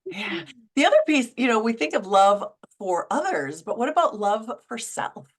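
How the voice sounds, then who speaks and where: A woman's voice: a little high, sing-song, moderate pace. A middle-aged woman hosting a casual faith and wellness talk show, chatty, with frequent fillers and restarts. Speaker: podcast host.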